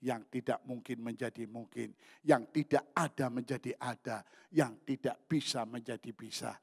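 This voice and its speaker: A middle-aged male pastor preaching a sermon with personal testimony, shifting from quiet storytelling to loud, high exclamations. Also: fairly even intonation, moderate pace, gravelly, slightly rough, big-room sound.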